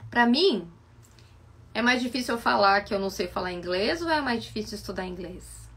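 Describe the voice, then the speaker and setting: A woman with a Brazilian Portuguese accent, a psychoanalyst giving a reflective live-stream talk full of animated rhetorical questions. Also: medium pitch, moderate pace, husky. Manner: asks many rhetorical questions, animated and coaxing.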